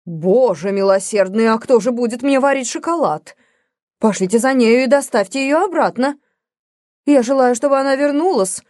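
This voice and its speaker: A woman reading an audiobook, voicing an imperious rich old spinster with shrill, indignant outbursts. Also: normal speed, a little mellow, no room sound, clean studio sound, lightly acted. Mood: demanding. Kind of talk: audiobook character voice.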